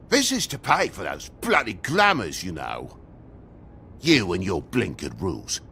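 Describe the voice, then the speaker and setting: An actor voicing a grumpy, indignant talking toad with a British accent in a video game, griping and sarcastic. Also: male voice, sits low, wildly swooping pitch, slow pace, vocal fry, sharp tone, a little hiss or hum, heavily acted. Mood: bitter, angry. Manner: griping, sarcastic, foul-mouthed.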